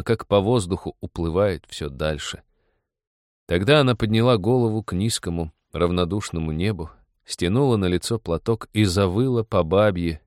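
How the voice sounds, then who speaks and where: Low-voiced man reading a story. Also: no echo, clean studio sound. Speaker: narrator. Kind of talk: literary audiobook reading.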